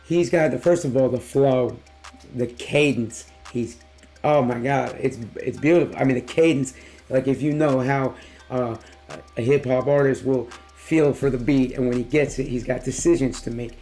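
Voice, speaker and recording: Hoarse, worn-out man hyping up music. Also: mid-range voice, mellow. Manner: slangy, emphatic, drawn-out exclamations. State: hoarse, tired. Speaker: music reaction video host. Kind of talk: casual excited reaction commentary.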